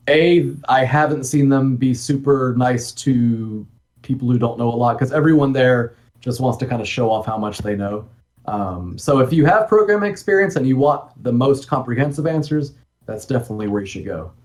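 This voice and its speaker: A man in a casual interview, explaining things in a loose, rambling way with plenty of ums and side remarks. His voice sits at an ordinary middle pitch. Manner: relaxed, rambling with many ums and asides. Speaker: guest, NES homebrew game developer.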